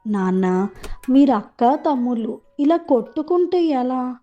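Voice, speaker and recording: A woman voicing a loving, tearful mother of two squabbling children in a storybook tale, pleading softly. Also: sits high, lively intonation, unhurried. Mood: gentle. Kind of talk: storybook narration. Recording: dull lo-fi with music behind.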